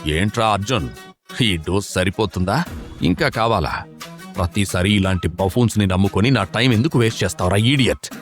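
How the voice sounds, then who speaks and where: A man's voice: lowish voice, a little fast, soft background music, natural voice. A man voicing a fearless, cocky young male fighter who talks with mocking confidence in an audio drama. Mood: scolding.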